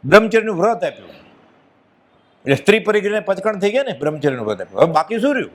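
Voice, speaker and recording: A man with a Gujarati accent races through an earnest, emphatic devotional discourse in a high-pitched voice full of big pitch swings, quieting down when he quotes others.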